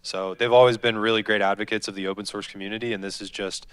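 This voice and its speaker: A man's voice: lowish voice, level tone, fast, a bit bright, smooth, dry recording. A man organizing a tech event, making informal announcements to an audience.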